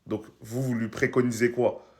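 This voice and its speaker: A man's voice: medium pitch, flat delivery, moderate pace, dark tone. A man giving a casual football reaction, talking straight to his viewers and asking them questions. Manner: chatty, asks the viewers questions.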